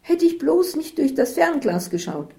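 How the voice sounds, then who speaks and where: Female narrator voicing a whiny, shrill holiday companion, high and dark-toned. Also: normal speed, close to an everyday voice. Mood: shrill upset. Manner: shrill and self-pitying. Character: whiny complaining woman on holiday.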